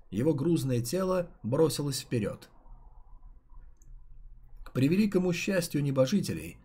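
A man reading a story aloud in steady, even scripted narration. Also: fairly high pitch, slightly rough. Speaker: audiobook reader.

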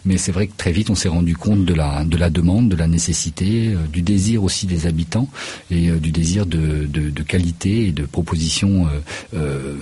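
A man's voice: deep voice, normal speed, dark tone, breathy edge. A man, a choreographer and festival director, answering radio interview questions in a hesitant way, with many fillers and restarts. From Paris region, France. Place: radio studio.

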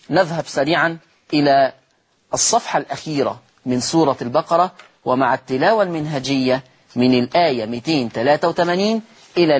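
A man's voice: a little high, breathy edge. A man with an Egyptian accent teaches Quran recitation rules on TV, repeating and stretching each example word and answering his own questions. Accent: Egyptian Arabic. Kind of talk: televised Quran recitation lesson.

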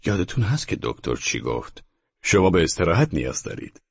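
A man's voice: low-pitched, big pitch swings, creaky, breathy edge, no room sound, muffled recording, voice pushed up, heavily acted. A man voicing a cruelly sarcastic male neighbor who mocks a helpless captive in an audiobook. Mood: mocking. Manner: sneering and mock-soothing, slow in parts.

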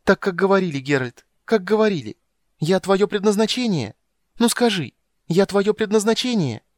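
A man voicing a small, excited young girl who clings and pleads in a high, shrill voice. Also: normal speed, no echo, studio quality. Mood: excited pleading.

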